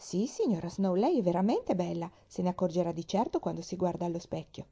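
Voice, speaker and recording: A woman's voice: lowish voice, animated, fairly quick, mellow, breathy edge. A woman voicing a cheerful, chatty little girl in a storybook reading, eager and bubbly.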